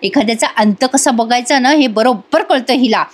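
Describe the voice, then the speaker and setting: A woman's voice: a little high, normal speed, lightly acted. A woman voicing an irritated, impatient young businessman who grumbles and pleads. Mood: grumbling. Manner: impatient, pleading through gritted teeth.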